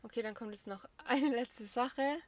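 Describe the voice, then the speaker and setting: A woman's voice: a little high, moderate pace, no echo. A young woman in casual chat, blunt and emphatic as she tells stories.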